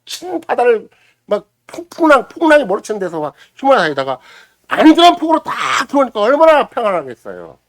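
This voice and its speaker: A middle-aged man preaching a Sunday morning sermon, dramatically acting out quotes and swinging between loud exclamation and hushed near-whisper. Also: sits high, wildly swooping pitch, fast talker, no room sound. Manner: acts out quoted voices and prayers dramatically. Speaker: pastor. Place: church sanctuary.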